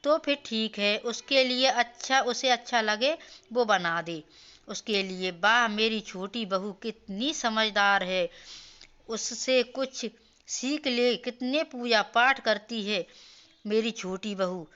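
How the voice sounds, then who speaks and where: A woman's voice: on the high side, slow pace, pushed and bright, clear, resonant tone, lo-fi sound. A woman voicing a nagging older mother-in-law in a cartoon story, scolding as she talks. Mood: praising. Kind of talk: storybook voice acting.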